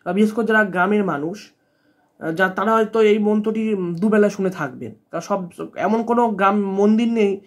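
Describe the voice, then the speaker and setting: A man hosting a spiritual channel, giving earnest devotional advice and repeating his points to reassure listeners. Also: sits high. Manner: earnest, repetitive, reassuring, restarts phrases.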